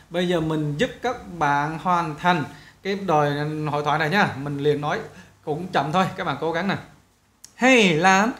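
A man's voice: a little high, fairly bright tone. Chatty male teacher in a roomy space. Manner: talky and repetitive, restarting phrases. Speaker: English teacher. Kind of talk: explaining a textbook lesson. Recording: roomy echo.

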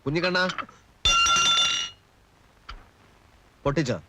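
A man's voice: fairly high pitch, animated, fairly bright tone, a little hiss or hum. A smug young male lawyer. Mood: teasing. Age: young adult. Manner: self-satisfied, measured. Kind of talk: 1980s film drama.

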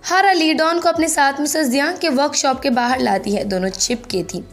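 Woman narrating a drama recap, higher voice. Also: expressive, moderate pace, faint music behind. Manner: plain storytelling, mixes English words into Hindi. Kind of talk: scripted plot recap narration.

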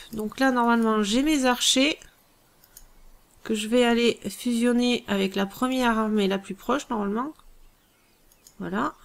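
A woman hosting a let's play, thinking aloud through strategy gameplay in a musing, hesitant way with many pauses. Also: medium pitch, vocal fry.

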